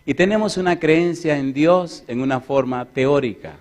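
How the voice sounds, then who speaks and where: A male pastor preaching a sermon through a lively, joking personal anecdote, acting out the other people in it. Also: a little high, moderate pace. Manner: lively, jokey anecdote-telling; acts out other people's voices. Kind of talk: storytelling sermon.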